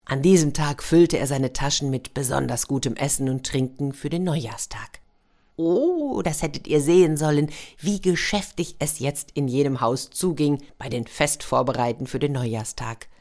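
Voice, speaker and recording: A woman reads a fairy tale aloud in a lively, expressive storytelling manner. Her voice sits low. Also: moderate pace. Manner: warm, lively storytelling with sound effects.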